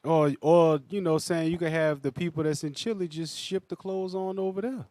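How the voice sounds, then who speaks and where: A man with a high-pitched voice in a dry recording, chatting about news with a group. He speaks in loose slang and leans on his points by repeating them. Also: fairly even intonation, normal speed, dark tone, dry recording. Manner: slangy, emphatic, repeats himself. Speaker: panelist on a religious group's news discussion show. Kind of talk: casual group discussion of news.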